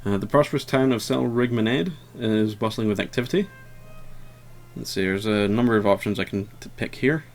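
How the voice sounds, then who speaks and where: A man's voice: lowish voice, normal speed, faint music behind. A man giving casual, rambling gameplay commentary, hesitant and full of fillers, with a wry, self-deprecating manner. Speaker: let's player.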